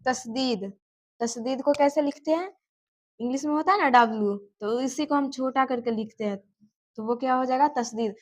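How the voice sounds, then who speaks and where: High-voiced woman teaching letter sounds. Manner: patient, repeats each sound and checks with "thik hai?"; slows down to spell out letter sounds. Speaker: Urdu teacher. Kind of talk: beginner language lesson.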